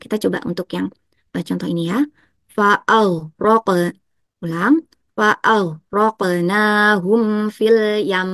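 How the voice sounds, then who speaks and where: A woman's voice: mid-range voice, no room sound. Young woman, patient tajwid teacher, dry close sound. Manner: patient, repetitive explanation, slows to chant examples. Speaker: Quran recitation teacher. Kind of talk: explaining tajwid rules step by step.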